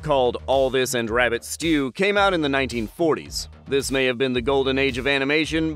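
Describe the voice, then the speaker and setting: Over faint background music, a man narrates a scripted countdown, slipping wry asides in between the entries. His pitch is middling and his tone fairly bright.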